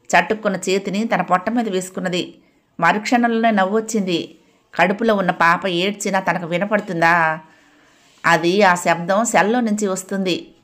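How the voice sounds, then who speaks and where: A woman narrating a family audio novel in a steady, expressive storytelling manner. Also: mid-range voice, normal speed.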